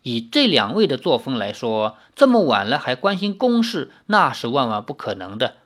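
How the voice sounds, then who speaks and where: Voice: mid-range voice, normal speed. 生动起伏的小说朗读者. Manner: lively, expressive. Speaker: audiobook reader. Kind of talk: storytelling narration of a novel.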